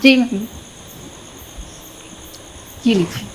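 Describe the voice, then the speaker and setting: Woman playing a timid maid, high voice, meek, noise behind. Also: drawn-out words. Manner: meek, apologetic. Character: timid young female maid.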